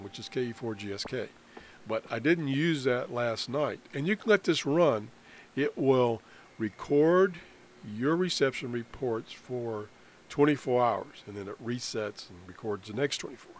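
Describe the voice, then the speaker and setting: An American amateur radio hobbyist presents a tutorial, giving an unscripted demonstration of software on screen. He's a man of medium pitch who explains haltingly, letting phrases trail off. The voice-over is clear, with background noise present.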